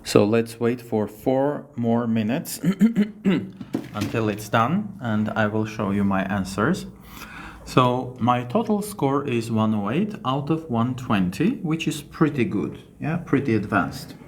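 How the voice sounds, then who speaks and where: A native Armenian speaker with an Armenian accent teaches English while walking through a test shared on screen. He's unhurried and hesitant, keeps checking in with "yes?", and speaks at medium pitch with big pitch swings.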